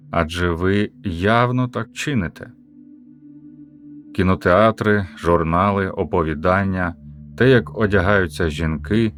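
A man narrating an audiobook of a philosophical talk, with a measured, questioning and emphatic delivery. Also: fairly low pitch.

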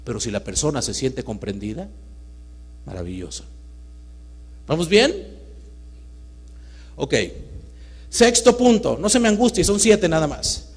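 A man giving a live talk to an audience, swinging between loud emphatic bursts and hushed storytelling. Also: fairly high pitch, vocal fry, breathy edge. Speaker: motivational speaker. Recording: reverberant hall with mains hum.

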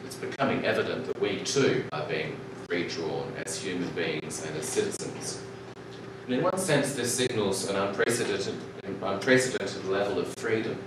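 A middle-aged man delivers a reflective conference keynote from a podium, his voice low and unhurried, with the odd um and restart. He sounds distant, carried through a big, echoing lecture hall. A loud, steady hiss of noise sits under everything. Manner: measured, reflective, with restarts and ums. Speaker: keynote speaker. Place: large lecture hall, indoors. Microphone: podium mic, recorded by far camera.

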